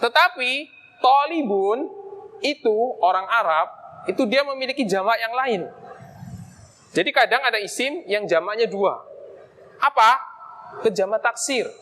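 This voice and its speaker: A man's voice: very high voice, expressive, measured pace, long pauses, a bit bright, slight background noise. A man teaching an Arabic grammar lesson in a mosque, explaining casually and asking himself questions aloud as he goes.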